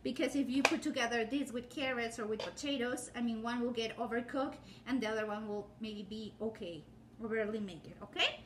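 A woman in her thirties with a high voice talks through a cooking demonstration. She rambles in a chatty way, with fillers and restarts. She is recorded in a home kitchen on a camera on the counter, with a faint hum of ambience behind her. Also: a little fast. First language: Spanish. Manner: chatty and rambling, with many fillers and self-corrections. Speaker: home cooking channel host. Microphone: phone or camera set up on the counter, framed from the waist up.

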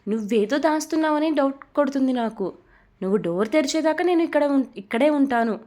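A woman reads as a pushy, nosy young friend who keeps nagging and sounds suspicious. The voice is slightly high and loud, as in a read-aloud romance storybook. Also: animated, brisk.

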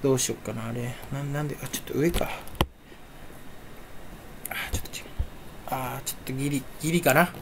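At his home computer, a young video creator chats casually to camera while browsing online, rambling and talking to himself in a jumpy, self-mocking way. His mid-range voice is fairly quick and creaky, with long pauses, picked up by a desk or headset mic over a noisy background, his face on camera.

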